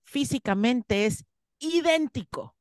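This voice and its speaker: A woman's voice: high voice, expressive, slow, no echo, clean studio sound. A woman, a guest in an interview, earnestly telling a personal story and acting out her own past words. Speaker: interview guest, spiritual course teacher.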